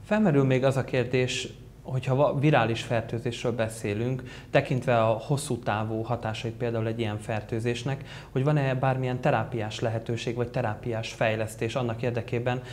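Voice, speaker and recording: A man's voice: mid-range voice, fairly even intonation, darkish tone, slight background noise. A man hosting an interview, asking long, carefully framed questions and correcting himself along the way. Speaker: interview host.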